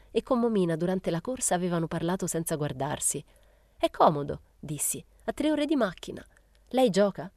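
Low-voiced woman reading a novel aloud. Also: no room sound, studio quality. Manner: measured, even storytelling. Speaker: audiobook reader. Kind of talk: literary audiobook narration.

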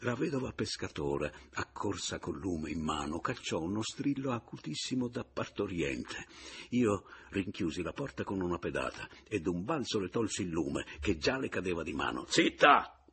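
A man narrating a classic novel in a low, gravelly voice. His tone is strongly husky and breathy, and his reading is dramatic and deliberate. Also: sing-song. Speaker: audiobook reader. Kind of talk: literary narration.

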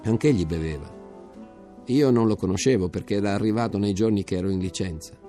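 A man reading a novel aloud in a measured, sober storytelling manner, close to a studio microphone. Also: fairly low pitch, warm tone, faint music behind. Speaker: reader.

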